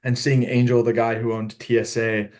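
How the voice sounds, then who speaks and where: A man's voice: mid-range voice, flat delivery, moderate pace, darkish tone. Earnest middle-aged man telling his story. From Southern California. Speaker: podcast guest, apparel founder. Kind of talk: casual interview storytelling. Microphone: video call.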